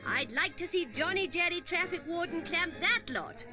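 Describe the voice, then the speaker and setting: A woman's voice: extremely high pitch, normal speed, over music. A woman giving jaunty, punning commentary in the style of an old newsreel. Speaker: comic commentator.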